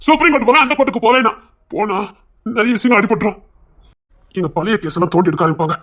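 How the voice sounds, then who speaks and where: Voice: medium pitch, quick pace, a bit bright, close to an everyday voice. A performer voicing an anxious young husband in an audio drama who keeps pleading and swearing he is innocent. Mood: defensive.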